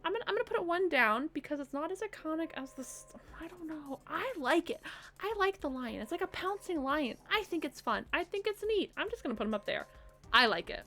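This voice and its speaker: Young woman streamer ranting about logos, high voice bouncing all over, laughs a lot, quiet music behind. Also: sing-song. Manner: opinionated, laughs often, quick asides. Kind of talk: casual live-stream chat while ranking logos.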